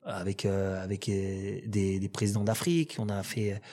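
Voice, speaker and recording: A French man telling rambling, animated stories in casual conversation, with many restarts. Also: lowish voice, normal speed. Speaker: restaurant owner and guest. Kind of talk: casual storytelling chat.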